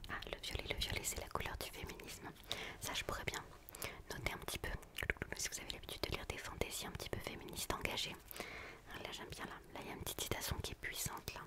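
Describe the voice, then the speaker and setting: A woman doing a whispered role-play as a gentle, quirky book therapist, in a hushed library whisper, softly repeating phrases to soothe. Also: quick pace. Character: quirky, gentle female book physiotherapist attending a patient. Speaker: ASMR performer playing a book therapist.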